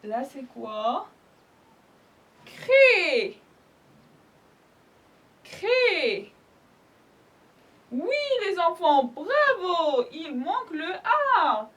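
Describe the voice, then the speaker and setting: A woman's voice: high voice, sing-song, extremely slow. A woman teaching young children a French spelling lesson, speaking patiently, sounding out each letter and praising the class often. She speaks French with an Algerian accent. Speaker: primary school French teacher.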